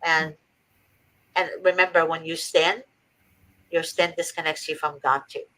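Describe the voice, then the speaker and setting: A woman's voice: low voice, steady tone, unhurried, fairly bright tone, rough recording. A woman from Egypt hosting a faith-based advice talk, earnest and preachy with emphatic repetition. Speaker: host.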